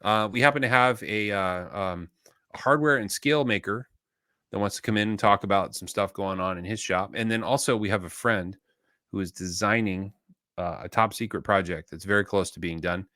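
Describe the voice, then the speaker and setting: A man's voice: on the low side, normal speed, bright, forceful tone, dry recording, clean studio sound. A man co-hosting a knife show in casual chat, rambling and easygoing with lots of fillers.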